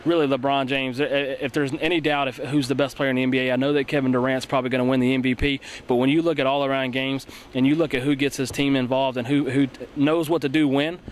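A man's voice: medium pitch, little pitch movement, a little hiss or hum. A young male sports broadcaster giving earnest post-game analysis into a handheld mic in an empty arena. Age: young adult. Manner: rapid, earnest, many fillers and restarts. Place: empty indoor basketball arena. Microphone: handheld mic held by co-host.

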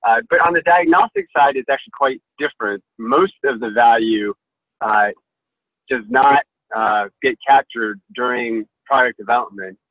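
A man answers on a webinar panel over a video call that keeps breaking up. His tinny, narrow call audio sounds dry and close, with no room around it. He explains in a measured, steady way, full of "uh" and "if you will.". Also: mid-range voice, dry recording. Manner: measured, filler-heavy explaining. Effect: heard over a video call that cuts out. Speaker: investor panelist.

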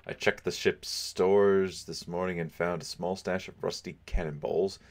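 A man's voice: deep voice, steady tone, measured pace. A man reading as a confused ship captain. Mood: puzzled. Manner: reading game dialogue aloud in character.

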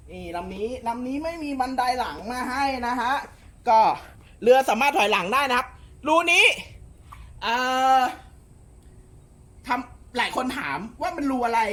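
A man showing jet skis for sale in a chatty, polite way, often pausing with fillers and correcting himself. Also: very high voice, fairly bright tone. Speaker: jet ski shop salesman. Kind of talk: casual sales walkthrough.

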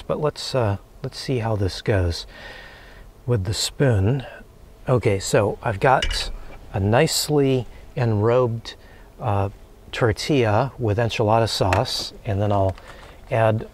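A man in his forties calmly talking through a recipe while cooking in a small camper van kitchen, with many relaxed "uh"s. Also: medium pitch. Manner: calm, unhurried, many filler "uh"s. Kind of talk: casual cooking demonstration.

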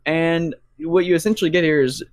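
A man's voice: fairly high pitch, steady tone, brisk, dry recording. A man co-hosting a music podcast, rambling through an album review in a casual way, with a curse and a laugh here and there. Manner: rambling, cursing, laughs mid-sentence. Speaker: podcast co-host.

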